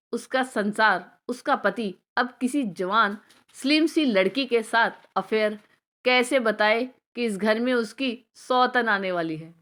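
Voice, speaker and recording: A woman tells a scripted family story in a measured, emotive voice. Her voice sits fairly high, and she reads at a steady storyteller's pace.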